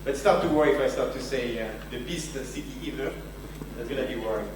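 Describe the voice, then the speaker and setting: Speaking fairly quickly in a mid-range voice, a man from France gives a keynote at a large conference venue. His French accent comes through as he jokes with the audience and makes fun of himself. The hall is very echoey, the mic distant, and there's a faint hum.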